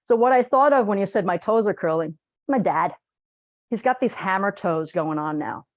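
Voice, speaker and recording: A woman teaching a live group exercise class in a lively, chatty, joking and direct way. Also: mid-range voice, moderate pace, dry recording, dull audio. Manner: direct, plain-spoken coaching. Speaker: posture exercise instructor.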